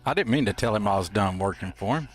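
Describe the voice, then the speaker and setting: A man's voice: lowish voice, expressive, fast, soft background music. A man hosting a game stream with casual, folksy, playful and rambling commentary. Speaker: host of a gameplay livestream.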